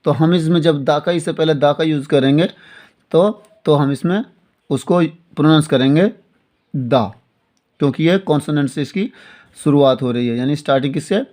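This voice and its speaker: A man teaching English grammar in Hindi, explaining slowly, repeating his points and often checking that students follow. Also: on the high side, darkish tone. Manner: slow and repetitive, often asking "theek hai na". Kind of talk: classroom-style lesson explaining in Hindi with English examples.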